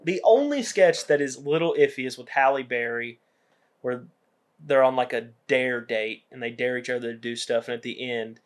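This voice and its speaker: A man's voice: medium pitch, normal speed. A young man co-hosting a podcast, casually retelling comedy movie scenes and acting out the lines. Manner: animated storytelling, acts out quotes. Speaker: podcast co-host.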